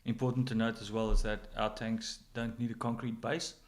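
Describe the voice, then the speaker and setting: A man's voice: fairly low pitch, little pitch movement, brisk. A middle-aged man with a South African accent, giving casual interview answers as a general manager.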